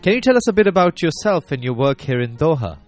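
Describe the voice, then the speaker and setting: A man's voice: fairly high pitch, big pitch swings, fast talker, soft background music. Polite male show host. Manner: polite, inquiring. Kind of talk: formal interview.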